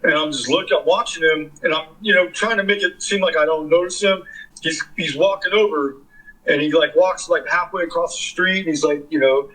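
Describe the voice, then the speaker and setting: A man's voice: fairly high pitch, fairly quick, pushed and bright, poor audio. A man in his fifties from the California Bay Area, a guest in an interview, telling long stories in a rambling, profane, casual way. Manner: rambling, profane, filler-heavy. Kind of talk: casual storytelling.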